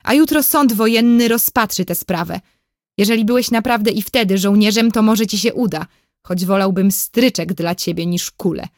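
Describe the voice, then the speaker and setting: A woman's voice: medium pitch, moderate pace, darkish tone, dry recording, studio quality, natural voice. A woman reading a storybook, voicing an angry, scornful male enemy army officer who sneers harshly.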